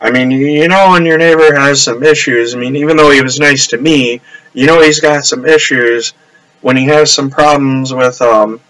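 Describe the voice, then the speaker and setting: A man's voice: mid-range voice, normal speed, a bit bright, poor audio. A man rambling casually on a live stream from his upstairs apartment, trailing off and restarting often.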